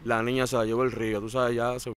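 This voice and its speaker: In a casual interview, a guest with a Dominican accent relates his story animatedly, echoing words and imitating what others told him. His medium-pitched voice moves at a quick pace and sounds clear and resonant.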